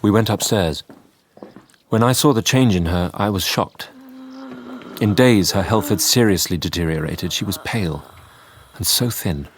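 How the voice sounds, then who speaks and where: An actor playing a sombre Victorian doctor who narrates a radio drama in a measured, confiding way. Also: male voice, low-pitched, a little hiss or hum, close to an everyday voice.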